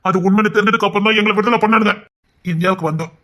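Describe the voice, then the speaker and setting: A man telling a dramatic serial story aloud, voicing every character himself and rising into emotional high lines. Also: fairly even intonation, very fast, pushed and bright.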